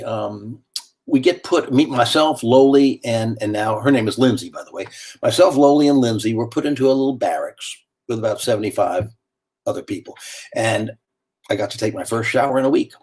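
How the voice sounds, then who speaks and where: A man delivering a wry, animated theatrical monologue, telling his story in a conversational way. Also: medium pitch, husky.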